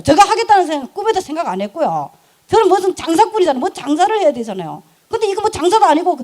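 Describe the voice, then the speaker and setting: A middle-aged woman, telling her business story in an animated, emphatic way and laughing often. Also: very high voice. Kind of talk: lively storytelling talk.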